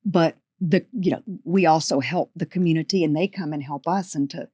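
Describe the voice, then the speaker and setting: A woman guest in casual conversation, speaking haltingly with many fillers. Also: sits low, warm tone, slightly rough, no room sound, clean studio sound.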